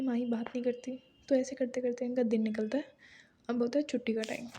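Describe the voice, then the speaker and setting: A woman's voice: high voice, dark tone, slight background noise. A young woman casually narrating an audio story in a chatty, conversational way with lots of fillers.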